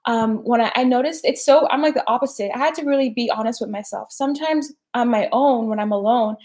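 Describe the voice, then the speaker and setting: A woman's voice: fairly high pitch, a little fast, a little mellow. A young woman hosting a casual live stream, chatty and slangy, peppering her talk with "like" and "right?". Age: young adult. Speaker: personal development host.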